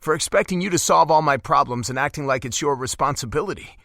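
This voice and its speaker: Male narrator doing brusque, fidgety best friend, young man, pitched up and heated. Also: fast talker, fairly bright tone, dry recording, studio quality. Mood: remorseful.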